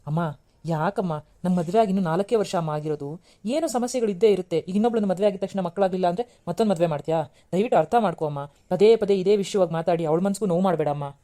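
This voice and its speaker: A woman voicing a young husband and son in a cartoon serial, gently reasoning and pleading with his mother. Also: on the low side, quick pace, natural voice. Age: young adult. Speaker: cartoon voice actor.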